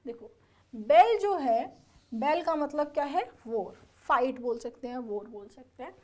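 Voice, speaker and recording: A woman's voice: high voice, lively intonation, unhurried, mellow. A woman giving an exam-prep lesson, explaining words step by step and often checking whether her students follow. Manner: spells words out letter by letter. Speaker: English teacher for exam preparation.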